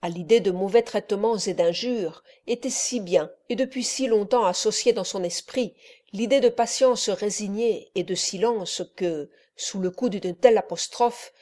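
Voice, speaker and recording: A woman narrating a classic novel as an audiobook, measured and steady. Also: mid-range voice. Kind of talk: scripted literary narration.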